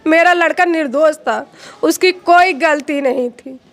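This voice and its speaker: Middle-aged woman, high voice, distressed interviewee pleading her case. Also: measured pace. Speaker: victim's mother. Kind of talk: interview testimony.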